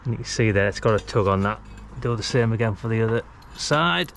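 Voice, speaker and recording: An animated, somewhat low British voice moves a little fast through an informal, hands-on DIY tutorial. The speaker, a vlogger and radio hobbyist, works outdoors at the brick wall of a house, recorded clearly with outdoor work sounds around him.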